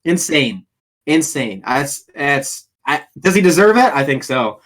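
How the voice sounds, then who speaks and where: A man co-hosting a sports podcast, excitable and quick to fire questions in casual chat. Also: on the high side.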